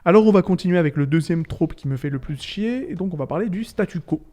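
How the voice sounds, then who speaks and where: A man's voice: high voice, lively intonation, quick pace, dark tone. A man hosting a casual video essay, ranting animatedly about fiction tropes and swearing freely.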